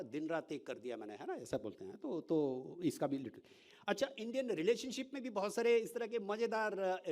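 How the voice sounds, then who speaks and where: This professor's voice sits high as he lectures informally. He's animated, mixes in English words, and often pauses on rhetorical questions to check in with listeners.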